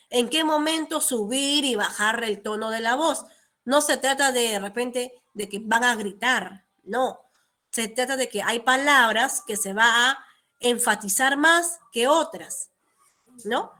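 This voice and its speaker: High-pitched young woman teacher, patient lecturing delivery, frequent check-ins with students. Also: a bit bright. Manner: explanatory, checks in with tag questions. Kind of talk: online class lecture.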